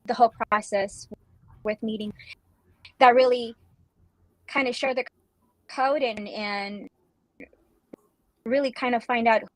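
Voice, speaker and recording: A woman speaks slowly in a fairly high voice, halting and trailing off as she shares spiritual thoughts on a call. Her phone audio is dry, and its volume drops in and out, swallowing words. She rambles from one idea to the next. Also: steady tone, dry recording, poor audio. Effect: volume cutting in and out, dropping words. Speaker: participant calling in. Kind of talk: casual spiritual sharing.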